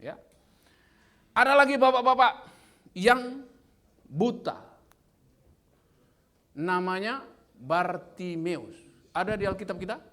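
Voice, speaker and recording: A man in his fifties giving a lively sermon as guest speaker, quizzing the audience with playful questions. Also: high-pitched, slow pace, pauses often.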